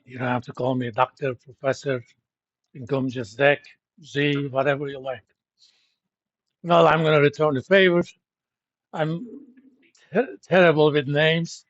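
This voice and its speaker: A man's voice: on the high side, fairly even intonation, moderate pace, pauses often, dry recording, highs cut off. A middle-aged man from Turkey who teaches at a university, lecturing his class in a blunt, joking, informal way. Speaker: university professor.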